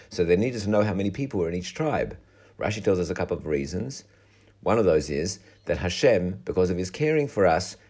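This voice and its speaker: A hoarse man, a rabbi, calmly explaining a Torah lesson in a recorded weekly talk. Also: low voice. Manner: calm, explanatory teaching delivery.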